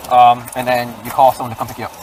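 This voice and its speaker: A man's voice: mid-range voice, completely flat delivery, racing. A male police officer explaining procedure in a repetitive, placating way, recorded on a body camera. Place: outdoors by vehicles, body camera. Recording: distant mic, loud outdoor traffic noise.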